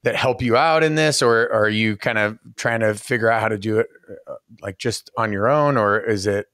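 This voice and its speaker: A man's voice: lowish voice, normal speed, a bit bright, dry recording. A man in his thirties hosting a podcast from a home studio, asking long, rambling questions full of fillers. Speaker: podcast host. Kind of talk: casual interview. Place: home room with bookshelf. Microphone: podcast mic on boom arm, headphones.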